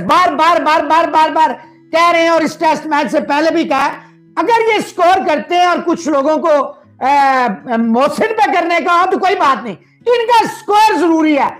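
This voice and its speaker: High-pitched emphatic cricket pundit. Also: male voice, fairly bright tone, rough recording. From Pakistan. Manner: emphatic, mixes English phrases, repeats words for stress. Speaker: cricket analyst. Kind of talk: cricket debate commentary.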